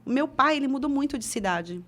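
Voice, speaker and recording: An expressive, fairly quick, high voice with a fairly bright tone belongs to a middle-aged Brazilian woman being interviewed. She tells her career story chattily, often restarting and using fillers.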